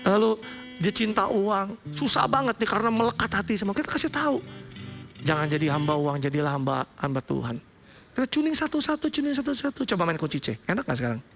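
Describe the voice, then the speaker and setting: A man with an Indonesian accent preaching a sermon as pastor, in a lively conversational style with slangy asides. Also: high voice, fast talker, soft background music.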